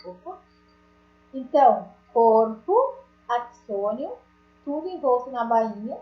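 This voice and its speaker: A woman's voice: a little high, expressive, slow pace, reverberant, highs cut off. A woman teacher giving an online class, chatty and joking, talking straight to her students. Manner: chatty, jokey, addresses students directly.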